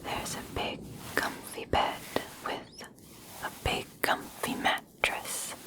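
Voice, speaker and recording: A woman voicing a kind, reassuring young elf princess in a soft, breathy, soothing whisper for an ASMR personal attention roleplay. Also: close to an everyday voice. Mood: soothing, caring. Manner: slow, gentle, soothing, hushed.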